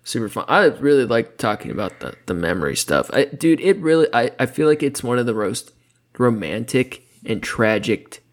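A man's voice: medium pitch, big pitch swings, moderate pace. A man co-hosting a podcast in loose, casual chat, swearing freely and laughing often. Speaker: podcast co-host.

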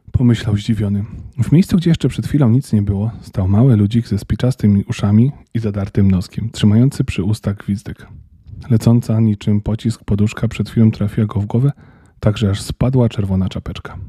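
Dark husky male storyteller. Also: on the low side, no echo, clean studio sound. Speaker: narrator. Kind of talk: audiobook reading of a children's story.

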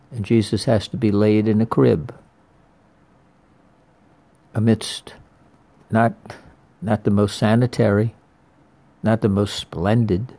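Slow, gravelly-voiced male preacher. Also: on the low side, dark tone. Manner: slow, deliberate preaching with repeated phrases. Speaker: priest. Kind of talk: sermon.

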